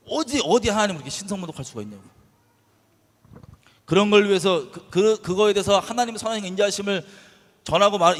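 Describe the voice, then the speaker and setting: A man preaching a sermon as pastor. He talks with passion, drops to soft low asides, then breaks out loudly. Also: long reverb tail. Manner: impassioned, shifting between soft low asides and loud bursts.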